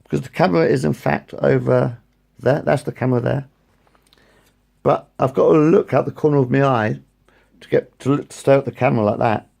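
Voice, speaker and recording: Talking into his phone's front camera, a male vlogger in his late forties rambles casually, repeating himself, correcting himself, and drifting from one thought to the next. His mid-range voice is gravelly with a darkish tone, and he speaks fairly quickly.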